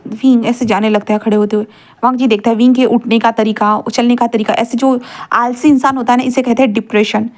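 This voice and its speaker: A woman's voice: a little high, fairly even intonation, a little fast, a little mellow. A woman narrating a romance fan fiction story in a casual, explanatory way. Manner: casual, explanatory, with many fillers.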